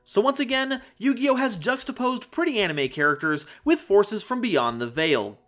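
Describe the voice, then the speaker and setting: The host of a card game analysis video delivers scripted explainer narration with jokes over background music. His voice is high and his pace moderate, and the delivery is animated, playful and emphatic.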